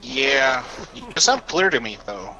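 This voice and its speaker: A man's voice: medium pitch, very animated, takes it slowly, pushed and bright, faint music behind. A man co-casting an esports match over an unstable internet call, his voice coming through robotic and glitchy, hesitant and trailing off. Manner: hesitant, trailing off, restarting phrases. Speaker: co-caster. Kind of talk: esports commentary. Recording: dull lo-fi call audio with faint noise.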